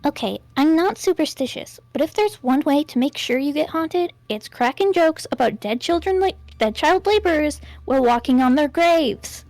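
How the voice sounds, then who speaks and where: A woman plays a nervous young woman who is always worrying aloud, in a fan voice drama. Her voice is quite high, and the recording is dry and close. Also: expressive, a little mellow, no room sound. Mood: uneasy. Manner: nervous, fretful and quick to panic. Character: anxious, jittery young woman.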